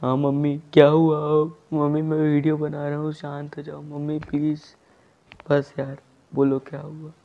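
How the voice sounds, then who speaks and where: A man's voice: on the high side, monotone, normal speed, phone-quality sound, a little hiss or hum. A young man performing a comic sketch of one-sided phone calls, exasperated and repeatedly restarting his greeting. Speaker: comedy sketch creator. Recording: loud background music.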